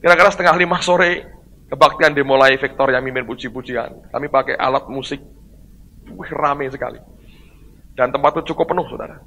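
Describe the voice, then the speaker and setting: A male pastor, telling a story in a sermon to his congregation and calling out loudly as he retells it. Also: medium pitch, a little fast, gravelly, low-quality recording. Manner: storytelling, addresses the congregation as "saudara"; bursts into loud exclamations when retelling the service. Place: church hall.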